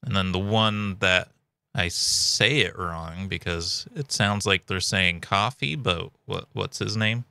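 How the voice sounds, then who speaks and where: Gravelly, bright-voiced man chatting casually. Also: sits low, slow, no echo. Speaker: video host giving thoughts and theories. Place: indoors at home, close dry recording.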